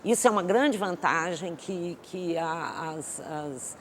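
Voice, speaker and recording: A woman guest expert in an interview, answering thoughtfully with many pauses and restarts. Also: on the low side. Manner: hesitant, many fillers and restarts. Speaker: economist guest. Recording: long hall reverb with faint noise.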